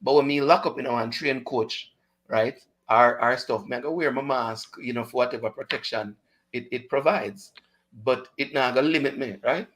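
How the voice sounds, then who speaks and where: This Jamaican-accented man hosts a radio chat show at a moderate pace, his medium-pitched voice fairly bright. He keeps things casual, slipping into patois and laughing frequently.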